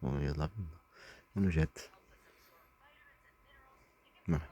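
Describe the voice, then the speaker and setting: A man's voice: extremely low pitch, a little slow, dark tone, breathy edge. A man talking in a rambling personal monologue, agitated and often stumbling over and repeating his words. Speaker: vlogger.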